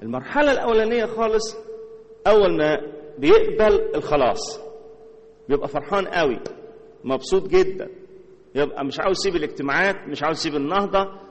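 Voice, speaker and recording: Male preacher, Egyptian accent, quick delivery, fairly high voice, long hall reverb. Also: lively intonation. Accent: Egyptian Arabic. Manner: rhetorical questions, heavy repetition. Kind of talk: sermon.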